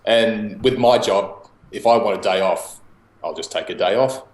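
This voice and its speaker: A young Australian man chatting casually over a video call, laid-back and quick to laugh, swearing now and then. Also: lowish voice, roomy sound, low-quality recording. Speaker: guest homebrewer.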